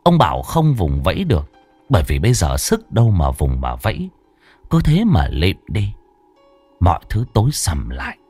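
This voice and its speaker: Dramatic horror storyteller. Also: male voice, low-pitched, wildly swooping pitch, normal speed, darkish tone, breathy edge, no echo. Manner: dramatic, swooping storytelling delivery. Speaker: ghost story narrator. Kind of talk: scripted horror story narration. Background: faint background music.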